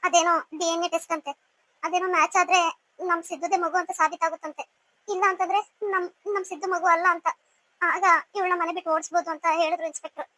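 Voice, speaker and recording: A woman's voice: very high voice, flat delivery, fast, pushed and bright, rough recording. A woman voicing a fussy, caring sister-in-law in a cartoon serial, alternately scolding and consoling. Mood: grumbling.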